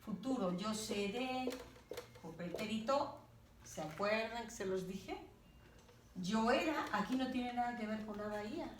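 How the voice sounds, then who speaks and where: A woman teacher gives a grammar lesson, talking slowly and deliberately and checking in with her students as she goes. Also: on the high side. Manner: slow and deliberate, checking in with "¿de acuerdo?". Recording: roomy, distant, faint background noise.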